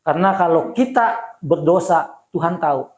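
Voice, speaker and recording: A male pastor preaching at a church service. His delivery is conversational and animated, full of storytelling, and the recording carries an echoey room sound. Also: a little high, normal speed. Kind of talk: sermon.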